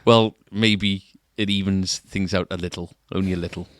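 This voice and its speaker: Low-voiced chatty man in a dry room. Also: steady tone, normal speed, no echo. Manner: chatty, with rising tag questions. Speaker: podcast co-host at a guitar shop. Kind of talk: casual chat. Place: shop, indoors.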